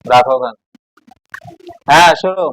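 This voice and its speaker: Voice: medium pitch, unhurried, fairly bright tone, poor audio. A Quran teacher, patiently drilling a class on letter sounds and asking them questions. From Bangladesh. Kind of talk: classroom call-and-response drill.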